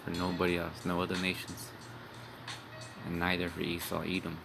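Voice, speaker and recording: Deep and completely flat, the young man's voice holds a normal speed with vocal fry. As a street preacher in an informal religious video, he rambles and swears bluntly, adding "man" and "all right" to his lines, while music plays behind.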